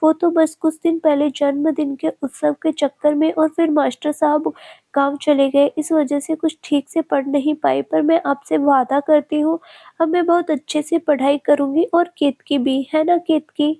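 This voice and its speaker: A woman's voice: high voice, little pitch movement, moderate pace, gravelly, warm tone. A woman reading the lines of an earnest young student promising her father to study harder, in a storybook tale.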